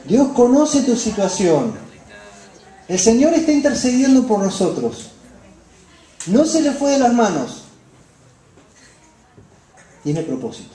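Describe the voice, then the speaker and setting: A woman with a Rioplatense Spanish accent preaching a sermon, passionate, dropping to hushed phrases and rising to emphatic ones. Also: fairly high pitch, big pitch swings, slow, pauses often. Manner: impassioned, swings between soft hushed phrases and raised emphatic ones. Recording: echoey room.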